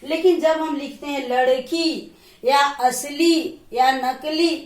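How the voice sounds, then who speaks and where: A woman teacher giving a slow grammar lesson, repeating and counting points aloud. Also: high-pitched, steady tone, a little mellow, far from the mic. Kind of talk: classroom lesson. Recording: echoey room, voice from off the mic.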